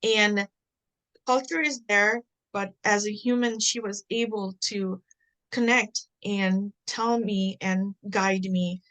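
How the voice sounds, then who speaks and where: A woman's voice: medium pitch, fairly even intonation, slow, fairly bright tone, low-quality recording. A woman from Nepal, a cancer patient candidly sharing her experience on a panel. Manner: candid, plain-spoken. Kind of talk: personal account on a panel.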